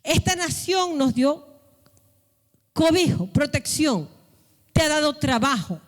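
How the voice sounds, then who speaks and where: A woman's voice: sits high, sing-song, slow pace. A woman pastor preaching a sermon in a church hall, pressing her listeners with rhetorical questions and sudden raised calls. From Latin America. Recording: long hall reverb.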